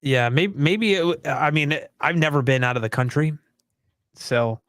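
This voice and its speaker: A man's voice: a little high, normal speed, a bit bright, no echo. A young man co-hosting a podcast live stream, chatting casually in an easygoing, rambling, self-deprecating way. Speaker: podcast co-host.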